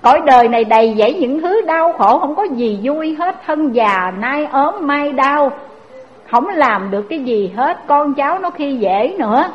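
A woman's voice: high-pitched, moderate pace. A woman preaching a Buddhist sermon, telling stories and questioning her audience directly. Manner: lively, addresses audience directly with rhetorical questions. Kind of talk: sermon with storytelling. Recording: dull lo-fi recording.

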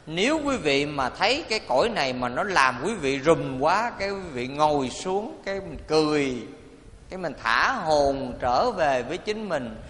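Animated monk preaching in a hall. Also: male voice, on the high side, moderate pace. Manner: animated, playful, addresses audience often, leads chanting. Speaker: Buddhist monk giving a dharma talk. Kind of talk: sermon. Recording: reverberant hall, faint ambience.

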